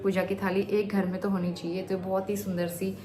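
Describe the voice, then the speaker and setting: A young woman talks casually to her viewers in a homely vlog, recorded indoors at home. Her voice sits at an ordinary middle pitch, relaxed and talkative. A faint background noise runs underneath. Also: fairly quick. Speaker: home vlogger. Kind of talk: casual chatty vlog narration.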